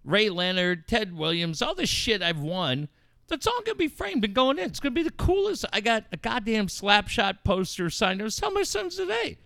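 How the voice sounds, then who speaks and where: A middle-aged Southern California radio show host rambles and swears through casual talk-radio banter. His high-sitting voice is very animated, gravelly, and sharp at normal speed, recorded in a clean studio with no room sound.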